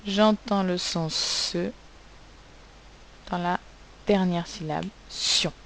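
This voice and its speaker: Slow, low-voiced woman teaching spelling. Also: fairly even intonation, gravelly, a little hiss or hum, poor audio. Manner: slow and patient, spelling words out sound by sound. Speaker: primary school teacher. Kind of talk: recorded spelling lesson for children.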